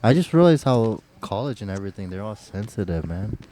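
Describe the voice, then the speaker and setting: A man's voice: lowish voice, very animated, a little fast, warm tone, a little hiss or hum. A young man co-hosting a podcast in casual chat, talking bluntly and crudely in a rambling way. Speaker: podcast co-host.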